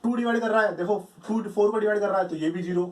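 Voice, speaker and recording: A man's voice: sits high, quick pace, a little mellow. Man, math teacher, step-by-step board lecture, echoey room, distant mic. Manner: explains step by step, repeats key phrases. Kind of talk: whiteboard lecture.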